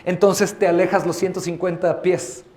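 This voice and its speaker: A man preaching a fervent sermon in a high, bright-edged voice, his words ringing around an echoey church room. He slips into other people's voices to act out the scenes he describes, then returns to urging his listeners on. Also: little pitch movement, normal speed, slight background noise. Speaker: pastor. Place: church sanctuary.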